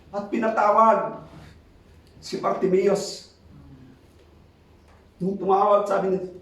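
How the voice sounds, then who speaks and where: Man, sermon, very high voice, booming hall echo, mixes Tagalog and English. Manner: mixes Tagalog and English, reads scripture aloud; emphatic, swings between fast urging and slow drawn-out lines. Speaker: preacher. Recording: very echoey hall, mic far off.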